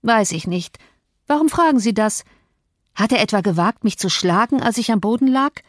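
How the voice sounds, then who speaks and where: A woman's voice: on the high side, animated, moderate pace, no room sound, studio quality, natural voice. A woman reading an audiobook, voicing an injured, bitter young man who talks in a pained, strained way. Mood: suspicious. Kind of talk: audiobook character voice.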